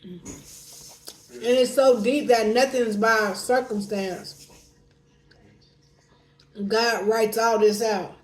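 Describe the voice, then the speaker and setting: An American woman chatting casually over a meal, telling things in colloquial, animated fashion. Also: on the high side, extremely slow, pauses often. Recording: echoey room with faint background noise.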